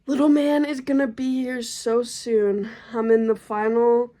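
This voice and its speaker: Slow-talking, breathless pregnant young woman. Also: a little high, flat delivery, warm tone. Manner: chatty, slangy, laid-back. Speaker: vlogger. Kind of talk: casual vlog update.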